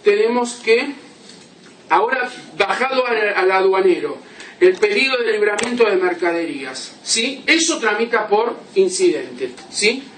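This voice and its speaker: A man's voice: sits high, lively intonation, a little slow, a bit bright, slight background noise. A male law lecturer, giving a classroom lecture and checking in with "¿sí?" as he explains through examples. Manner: explains with examples, asks "¿sí?" often. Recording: roomy classroom from a distance.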